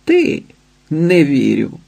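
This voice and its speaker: A man's voice: fairly high pitch, lively intonation, slow pace, darkish tone, husky, full character voice. Man putting on a scornful wild young woman. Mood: mocking, defiant. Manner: mocking, provocative.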